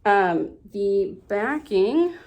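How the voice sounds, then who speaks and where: A woman's voice: mid-range voice, big pitch swings, drawn-out words, a little mellow. A woman hosting her craft channel, chatting casually with many ums and restarts while she shows her quilts. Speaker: quilting and cross-stitch channel host. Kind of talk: casual chat.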